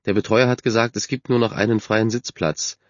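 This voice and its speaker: A man's voice: lowish voice, steady tone, brisk, no echo, dull audio, lightly acted. A man voicing a confident, friendly girl who is a team captain and stands up for others. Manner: self-assured, friendly.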